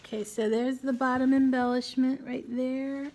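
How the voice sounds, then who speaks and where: A woman's voice: high voice, level tone, moderate pace, dark tone. A middle-aged woman hosting a casual crafting tutorial at home, chatting and thinking aloud as she works. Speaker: craft video host.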